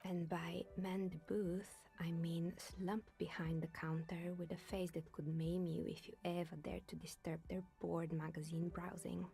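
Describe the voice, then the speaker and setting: A woman voicing a creaky, whispery, wry older woman. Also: medium pitch, moderate pace, darkish tone, faint music behind, close to an everyday voice. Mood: sardonic. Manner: dry, sardonic storytelling. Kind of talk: voiced game dialogue.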